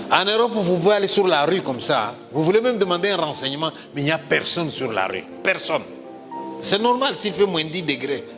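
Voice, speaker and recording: A middle-aged man from Congo, telling a comic story on stage in a lively, theatrical way and switching into other people's voices. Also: on the high side, in a large hall.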